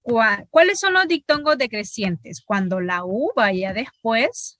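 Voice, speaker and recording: A woman lecturing in an online linguistics class, her voice bright and a little high. She explains each point step by step and keeps checking in with the class. The sound is dry and close. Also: animated, takes it slowly, dry recording. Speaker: linguistics teacher.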